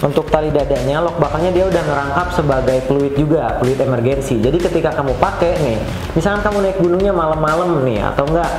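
A young man giving a casual, slangy, enthusiastic product review to camera on a lapel mic. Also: quick pace. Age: young adult. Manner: chatty, slangy, enthusiastic pitch. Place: studio with plain blue backdrop. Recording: roomy studio echo with music bed. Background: background music.

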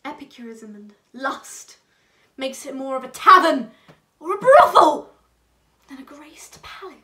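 A haughty, scornful noblewoman played by a young woman declaims Shakespearean English in a stage monologue. Her high, sharp voice moves slowly, swinging between hushed contempt and forceful command. It is picked up from some distance from the mic. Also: big pitch swings, full character voice. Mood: scornful disgust. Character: haughty, scornful noblewoman rebuking an old man. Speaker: student actor.

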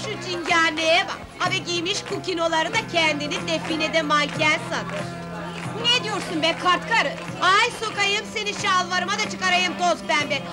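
Cheeky street flower girl, very high lively voice, music under it. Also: normal speed. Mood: sassy. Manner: sharp-tongued, teasing. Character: sassy young flower seller. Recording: old film soundtrack with music.

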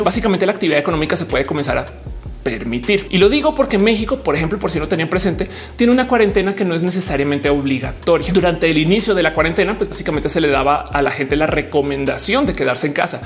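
A woman in her thirties talking to camera in an informal explainer vlog, chatty and animated, with slang fillers, recorded in a small home studio. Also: low voice. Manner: fast, animated, with lots of hand gestures. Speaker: vlogger. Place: indoor home studio with bookshelves.

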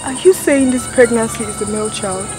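A woman's voice: fairly high pitch, fairly quick, over music, close to an everyday voice, rough recording. A woman playing an anxious, humble queen in a film drama, plaintive and pleading, with a Nigerian accent. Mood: confused, insistent.

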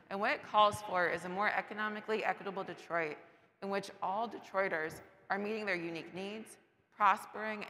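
A woman, a little hoarse from losing her voice, presenting data as a panelist in an earnest, slide-by-slide way. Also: mid-range voice, pushed and bright, a little hiss or hum. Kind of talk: public talk. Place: large covered market shed. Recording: distant voice with long hall reverb.

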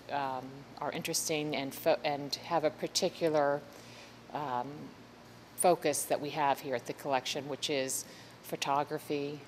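A woman curator explaining a private art collection in a measured, halting way, with many ums. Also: sits low, big-room sound, slight background noise. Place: large warehouse gallery.

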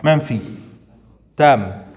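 A man teaching a grammar class who often checks that his students follow and slows down to stress each example he reads out. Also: mid-range voice, animated, darkish tone, big-room sound. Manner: checks understanding with frequent questions to students; slows down and stresses words when reading out examples. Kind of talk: classroom lesson.

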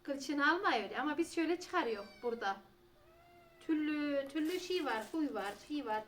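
A woman's voice: sits high, expressive, moderate pace, fairly bright tone, a little hiss or hum. A woman, chatting casually and rambling in a home vlog, sometimes talking to her cats. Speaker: vlogger.

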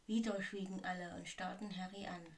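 A woman's voice: lowish voice, fairly even intonation, fairly quick, vocal fry, recorded from a distance, a little hiss or hum. Woman, story reading, small slips, a bit away from the mic. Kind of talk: reading a fan story aloud.

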